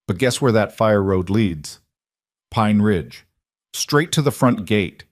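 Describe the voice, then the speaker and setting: A man's voice: on the low side, lively intonation, slow, no echo, studio quality. A man voicing a biker scout who gives a clipped, businesslike report. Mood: tense.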